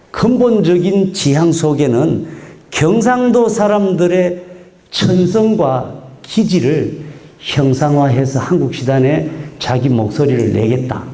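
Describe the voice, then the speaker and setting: A man gives a public lecture, his fairly high voice swinging up and down as he acts out dialect phrases. His tone is warm and mellow. The sound is roomy and echoey, caught in a lecture hall. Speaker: university professor giving a lecture.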